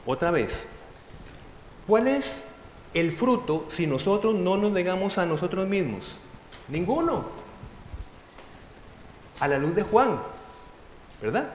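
A man's voice: high voice, big pitch swings, takes it slowly, pauses often. A man preaching a sermon, emphatic, calling his listeners brothers and sisters and posing rhetorical questions. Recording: echoey hall with faint background noise.

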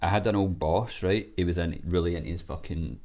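Deep-voiced sweary Glaswegian man. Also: a little fast, a little mellow. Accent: Glaswegian Scottish. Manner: sweary, blunt street talk. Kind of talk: casual chat, telling anecdotes.

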